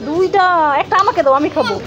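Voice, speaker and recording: A woman's voice: extremely high pitch, sing-song, fast, dull audio, a crowd in the background. A young woman, a mother, chatting playfully with her small children in a casual family vlog, teasing and coaxing them. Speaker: mother and vlogger.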